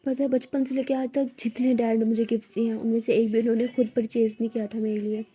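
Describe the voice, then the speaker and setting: Woman doing a hurt young girl, soft and sorrowful, low mellow tone, flat delivery. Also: quick pace, breathy edge. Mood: sad. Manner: soft, sorrowful, half-whispered. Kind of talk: storytelling.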